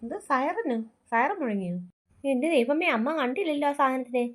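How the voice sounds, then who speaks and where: A woman's voice: high-pitched, expressive, normal speed, fairly bright tone. A woman voicing a grandmother in a family cartoon, who chatters and fusses over a crying boy. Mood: gossipy. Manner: chatty, fussing. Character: gossipy doting grandmother.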